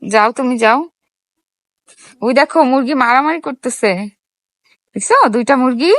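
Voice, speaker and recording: A mother filming her small child, talking in a gentle, coaxing way and asking many little questions. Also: sits high, moderate pace, no room sound. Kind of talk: casual vlog talk to a small child.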